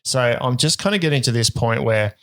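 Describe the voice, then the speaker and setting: A man's voice: mid-range voice, expressive, brisk, fairly bright tone, no room sound. A middle-aged Australian man hosting a podcast in a casual, conversational way. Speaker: podcast host.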